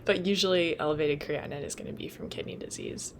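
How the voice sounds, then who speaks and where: A young woman tutoring nursing students talks fast in a low, sing-song voice, explaining the material in a casual, chatty study lecture. She's full of "like" and "um," laughs at her own slips, and is losing her voice, with slight background noise.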